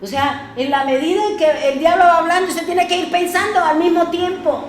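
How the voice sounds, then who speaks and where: A woman pastor preaches in a high, bright voice, telling stories in a lively way and acting out the voices of people she quotes. Her words ring through an echoey church room. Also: a little fast, slight background noise. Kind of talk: sermon.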